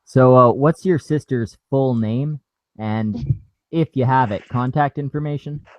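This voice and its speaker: A man co-hosting a livestream, making crude jokes in a mock-stern, deadpan way. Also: medium pitch, unhurried, no echo. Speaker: stream co-host. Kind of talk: casual profane chat. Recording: dry, muffled call audio.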